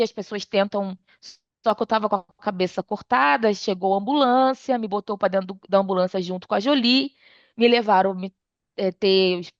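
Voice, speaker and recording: A woman, a podcast guest, telling a personal story in a casual, animated way and acting out bits of dialogue. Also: dry recording. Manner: animated retelling, acts out dialogue with her mother. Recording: dull dry low-fidelity sound.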